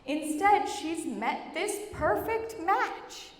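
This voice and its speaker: A young adult woman giving a humorous prepared wedding speech as maid of honor, with animated, joking storytelling and dramatic pauses. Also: very high-pitched. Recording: echoey reverberant hall with clear noise.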